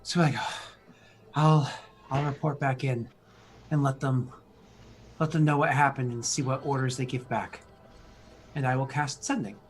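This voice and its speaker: Man, role-play gamer. Medium pitch, deliberate and formal, in-character delivery. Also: steady tone. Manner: measured, formal wording. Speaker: tabletop game player.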